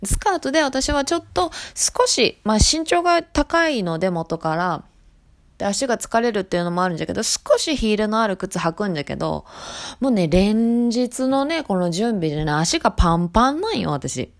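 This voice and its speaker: A woman with a Hiroshima accent chatting casually on her voice blog as a shop salesperson, relaxed and talkative. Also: medium pitch, normal speed. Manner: chatty and relaxed, dialect thickening as she loosens up.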